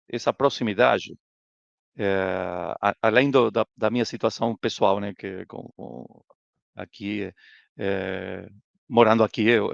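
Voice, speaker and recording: Gravelly low-voiced man, hesitant. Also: no room sound. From Argentina. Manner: halting, many fillers and restarts. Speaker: economist guest. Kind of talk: interview answers. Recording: dull, dry, lo-fi.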